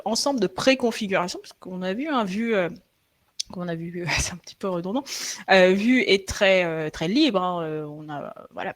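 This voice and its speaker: A young adult woman presenting a live online tech session, talking hesitantly with many fillers and restarts, checking in with her viewers, her throat slightly sore. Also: medium pitch. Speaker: frontend developer presenting a live webinar.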